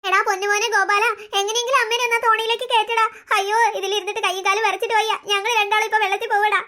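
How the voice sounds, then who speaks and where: A panicky old grandmother in a cartoon story wails and begs for rescue in a piercing, very high voice. A woman acts her out. She talks in a quick, breathless rush. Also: flat delivery, sharp tone. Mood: panicked pleading. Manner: wailing, pleading.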